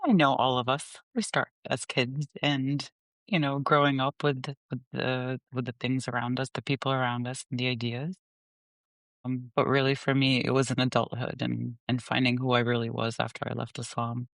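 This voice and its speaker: A woman guest who grew up in the Gulf, Pakistan and the US, talking candidly and reflectively in an interview, laughing softly between thoughts. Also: rumbling low, flat delivery, creaky, dry recording. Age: adult. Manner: reflective, unhurried, laughs softly mid-sentence.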